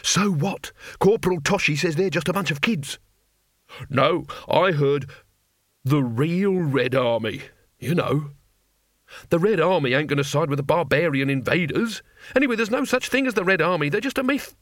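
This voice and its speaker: A man voicing uneasy, gossiping common male soldiers who talk in a slow, rough way. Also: on the high side, lively intonation, no room sound, clean studio sound, voice pushed up, lightly acted.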